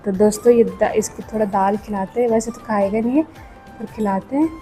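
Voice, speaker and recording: A woman's voice: medium pitch, steady tone, a little fast, mellow, faint music behind, rough recording. Chatty young woman vlogging in her kitchen. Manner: chatty, keeps saying "friends" to viewers. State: hot and itchy from the heat. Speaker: home vlogger. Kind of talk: casual home cooking vlog narration. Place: home kitchen. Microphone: clip-on mic.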